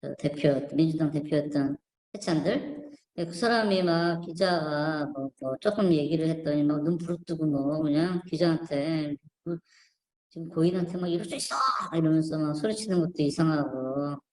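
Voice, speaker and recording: Talking through on-screen images for her online channel, a woman speaks in a low, mellow voice at a normal pace. Her casual commentary is rambling and doubtful, with plenty of fillers and false starts, recorded in an echoey room.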